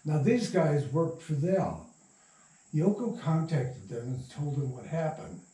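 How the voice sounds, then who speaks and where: With a warm, fairly high, expressive voice and a measured pace, an older man recounts casual anecdotes as an interview guest. The sound is echoey and roomy, as if he is far from the mic.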